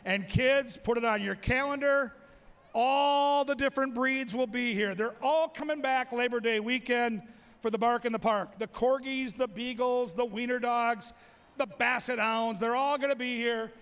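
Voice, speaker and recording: High, bright-voiced excitable race announcer. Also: male voice, moderate pace, clean tone. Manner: excitable, shouts calls and names. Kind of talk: live race-call commentary. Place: racetrack.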